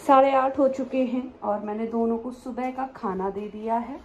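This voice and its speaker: A woman chatting casually in a daily vlog about her dogs, sometimes cooing at them in high baby talk. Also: steady tone, normal speed, lo-fi sound, a little hiss or hum. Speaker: vlogger and dog owner. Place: home and outdoors on walks.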